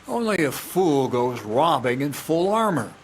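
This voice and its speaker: An actor playing a blunt, coarse medieval thief who lectures on stealing, in a video game. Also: male voice, a little high, sing-song, unhurried, a little hiss or hum. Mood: lecturing. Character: gruff older male medieval thief, blunt and crude.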